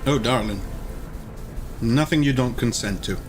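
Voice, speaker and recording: A man's voice: mid-range voice, measured pace. A man hosting a game playthrough, chatting casually in a playful, rambling, sweary way with game music behind him. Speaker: video game playthrough host. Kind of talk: casual gameplay commentary.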